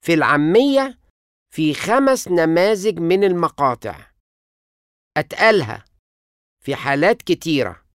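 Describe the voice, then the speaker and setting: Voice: mid-range voice, dry recording, clean studio sound. A teacher with an Egyptian Arabic accent reading a scripted pronunciation lesson, carefully enunciating each example word. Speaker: language teacher.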